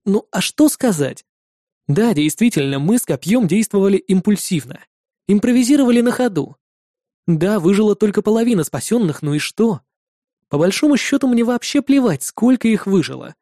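A man reading a first-person fantasy adventure in a steady storytelling manner. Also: sits high, normal speed, dry recording, clean studio sound. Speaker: audiobook narrator.

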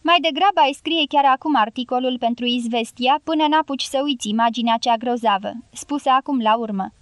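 A cynical male journalist speaking in a flat, mocking tone, as a woman reads him in an audiobook. The voice sits fairly high and sounds dry and close. He is world-weary and curt. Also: no echo, natural voice. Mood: deadpan.

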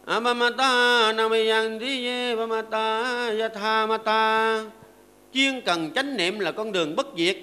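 High, bright-voiced older monk preaching. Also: male voice. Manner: keeps asking the audience "right?" and teaches with homely stories and verses. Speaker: Buddhist monk giving a dharma talk. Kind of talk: sermon to a seated audience.

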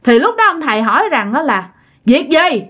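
A woman's voice: sits high, very animated, fast talker, pushed and bright, husky. Chatty woman telling a ghost story. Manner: chatty, addresses listeners directly.

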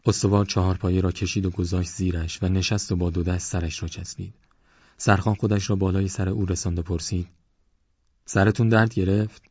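Deep-voiced male audiobook narrator. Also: a little mellow, slightly rough, no echo, muffled recording. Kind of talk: scripted narration.

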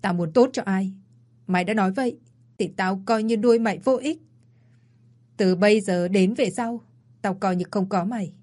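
A woman's voice: medium pitch, normal speed, pauses often, a little mellow, close to an everyday voice. A woman voicing a stern, unforgiving middle-aged mother who scolds coldly, in a spoken audio story. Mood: harsh. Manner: scolding, cold.

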